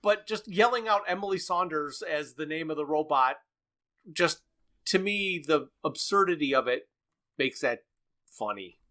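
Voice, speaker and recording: Here a man co-hosts a casual podcast about a radio series, summarizing its plot at length and picking it apart with plenty of chuckles. His fairly high voice is expressive, pushed and bright, and he keeps a measured pace.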